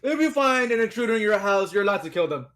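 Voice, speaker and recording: A man with a high voice that swings widely up and down, laid-back and jokey. He talks casually with friends during an online tabletop game and curses without a second thought. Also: very animated, fast, a bit bright. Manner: giggly, swearing, jokey.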